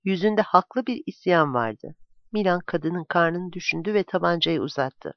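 A narrator reading a novel aloud in a dramatic, lively way, in a dull, dry, lo-fi recording. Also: medium pitch, measured pace, dry recording.

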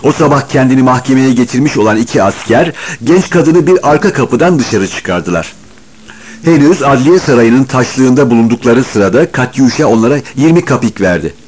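Male audiobook narrator, husky tone, lively rising and falling delivery, expressive scripted reading. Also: mid-range voice, normal speed. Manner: expressive storytelling, varied intonation.

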